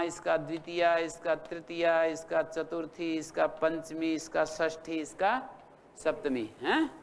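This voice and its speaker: A man with a high-pitched, fairly bright voice teaches a Sanskrit grammar class, with a little hiss or hum in the recording. In this classroom lecture he patiently quizzes students, drills with repetition, and recites word forms slowly one by one.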